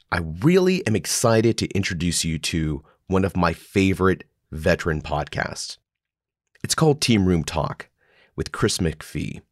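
A man hosting a podcast, congested from the flu, talking in a relaxed, friendly way. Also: deep voice, dry recording, clean studio sound. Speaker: podcast host. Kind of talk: podcast intro and interview.

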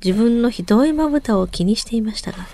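A woman's voice: a little high, expressive, quick pace, gravelly, warm tone. A woman co-hosting a radio show, presenting, reading out listener mail and chatting along with brief responses. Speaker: radio show co-host and singer.

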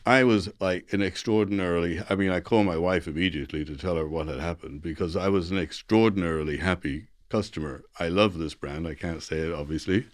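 A man's voice: sits low, brisk, few pauses, no echo, clean studio sound. A middle-aged or older man with a Dublin Irish accent, speaking as an interview guest in a conversational, storytelling way, acting out dialogue and repeating phrases for emphasis. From Dublin, Ireland. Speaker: interview guest, technology executive.

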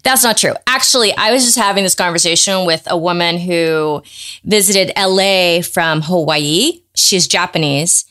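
A middle-aged woman hosting a podcast in loose, excitable casual chat, quick to laugh. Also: on the low side. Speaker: podcast host.

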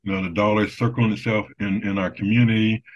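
Deep-voiced man, halting interview guest. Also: little pitch movement. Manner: halting, many restarts and fillers. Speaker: business development guest. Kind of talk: casual interview talk. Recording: dull lo-fi sound.

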